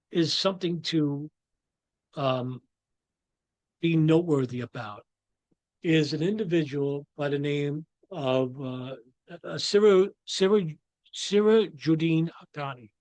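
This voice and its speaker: A man with a New York accent talks through his thoughts in a loose, rambling monologue, often stopping and restarting mid-phrase. His voice sits a little high for a man. It is recorded close and dry, with no room sound. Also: darkish tone, dry recording. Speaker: commentator. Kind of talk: casual monologue.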